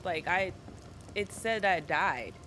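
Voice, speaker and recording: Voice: mid-range voice, lively intonation, slow pace, sharp tone, a little hiss or hum. A streamer in casual voice chat during a team game, giving short, hesitant replies.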